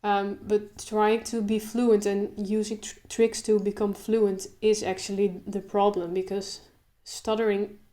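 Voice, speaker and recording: Here a young video creator addresses the camera casually in a medium pitch, stuttering openly through sound repetitions and pauses. Eventually her speech loosens into an unhurried, relaxed pace.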